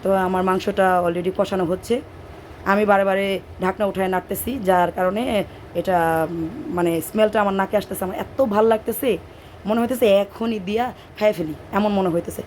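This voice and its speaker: A hoarse woman from Bangladesh with a Bangladeshi Bengali accent, chatting and wandering into stories as she narrates her cooking in a home kitchen at night. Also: medium pitch, fairly even intonation, fairly quick, a little mellow, slight background noise. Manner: chatty, digressive storytelling while cooking. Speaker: cooking vlogger.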